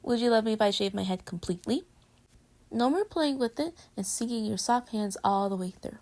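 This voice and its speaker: A woman voice actor plays a playful, affectionate girlfriend in intimate pillow-talk roleplay, teasing her partner in a casual, conversational way with giggles. Her voice sits on the high side, a little mellow, brisk, with lively intonation. The mood is playful and curious.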